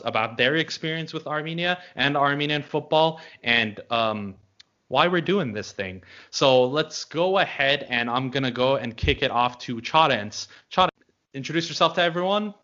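A man from Los Angeles hosting a casual podcast, talking in a relaxed way with lots of fillers. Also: mid-range voice, highs cut off. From Los Angeles, United States. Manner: relaxed, filler-heavy, friendly. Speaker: podcast host.

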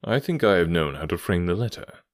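A man voicing a calm, authoritative detective in an audiobook, with a quiet, assured and stern manner. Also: low-pitched, fairly quick, no echo, studio quality. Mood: calm assurance.

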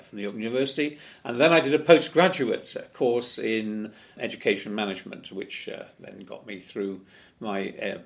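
Interviewed in a Parliament office, an older man from Wales talks in a lowish, creaky voice. His conversational, chatty delivery is packed with fillers and restarts.

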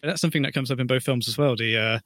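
A man's voice: medium pitch, racing, a bit bright, no echo. A man talking casually about films as a podcast panellist, thoughtful and a little hesitant as he works out his point. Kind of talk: casual film discussion.

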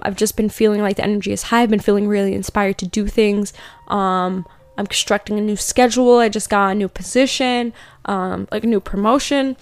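A young woman hosts a podcast of casual spiritual chat with tarot-style card readings, rambling with lots of filler, laughing often, and slowing down for affirmations. Her voice is mid-range, with no echo.

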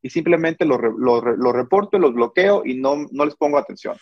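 A man who is an army sergeant speaks earnestly in an interview, trips over his words and restarts often. His voice is slightly husky and pitched a bit high. The recording is close and dry, with a slightly dull tone. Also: expressive, fairly quick. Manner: earnest, explanatory, many restarts and hesitations. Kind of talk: conversational interview.

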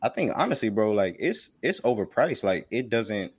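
A man's voice: on the low side, sing-song, normal speed, slightly rough. A young man co-hosting a podcast, talking in a rambling, casual way that is full of "like" and "bro" and repeated words. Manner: rambling, repeats himself, says "like" and "bro" often. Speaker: podcast co-host. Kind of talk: casual chat.

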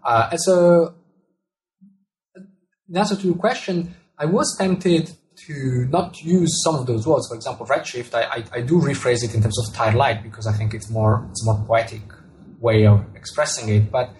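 In a rough recording, a medium-pitched man with a darkish tone speaks at a moderate pace. He is an Italian author and astronomer being interviewed, and his accented answers are thoughtful, with repeated words as he searches for phrasing.

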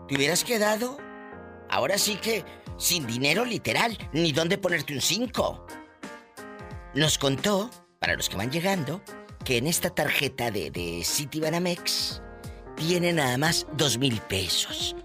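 Mexican male talk host, bright forceful voice, very lively intonation, dramatic and exclamatory, sympathetic. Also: fairly high pitch, unhurried, faint music behind. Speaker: radio and podcast host. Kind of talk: live casual talk show chat.

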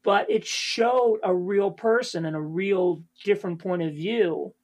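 A high-voiced male stand-up comedian, speaking a little slowly, rambles casually as a podcast guest, with frequent fillers and restarts.

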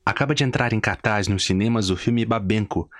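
A man reading a scripted advertisement for a film in a measured, formal way. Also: lowish voice, a bit bright, no room sound, studio quality. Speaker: ad announcer. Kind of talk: scripted ad narration.

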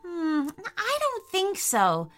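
A woman's voice: very high voice, wildly swooping pitch, slow pace, a bit bright, faint music behind, voice pushed up, full character voice. A woman voicing a sensible, decisive young girl in a raised girlish voice. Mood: doubtful.

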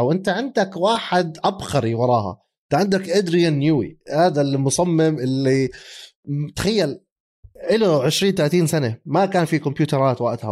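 Man, thirties, rapid delivery, slightly high voice, animated casual sports chat. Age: 30s. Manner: animated, laughs often, mixes in English phrases. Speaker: podcast co-host.

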